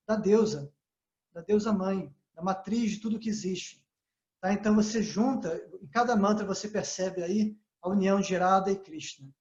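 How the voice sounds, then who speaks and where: A man giving a calm spiritual lesson, often checking in with his listeners as he explains. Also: high voice. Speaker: yoga teacher. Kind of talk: spiritual talk. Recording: echoey, slightly dull sound.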